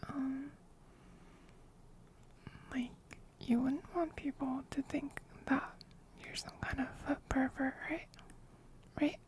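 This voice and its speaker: A woman's voice: sits high, flat delivery, slow pace, pauses often, darkish tone, slight background noise, low-quality recording. A woman livestreamer doing close ASMR whispering right in the listener's ear, coy and teasing, talking to her chat. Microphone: close microphone.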